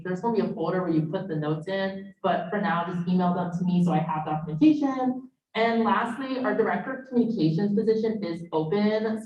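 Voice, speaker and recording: A young woman giving student government meeting announcements, energetic and full of "like" and "um". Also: fairly low pitch, a little hiss or hum. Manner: energetic, filler-heavy with "like" and "um". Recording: muffled, echoey room, distant mic.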